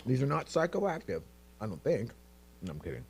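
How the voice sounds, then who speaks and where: A man's voice: medium pitch, big pitch swings, a little fast, creaky, darkish tone, slightly rough. A man hosting a live stream in casual chat, joking and self-deprecating. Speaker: host.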